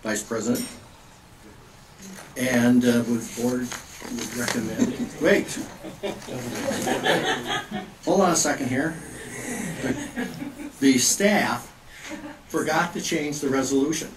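Brief: male board director, casual asides, distant table mic in an echoey hall with steady background noise. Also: mid-range voice, slow, pauses often. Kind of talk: meeting remarks. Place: public board meeting room.

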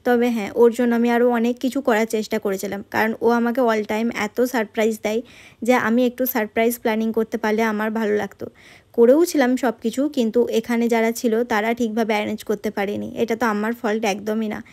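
A woman's voice: on the high side, flat delivery, quick pace, darkish tone. A woman narrating her road trip vlog in a chatty voice-over, talking straight to her viewers. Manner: chatty, addresses viewers directly with tag questions. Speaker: travel vlogger.

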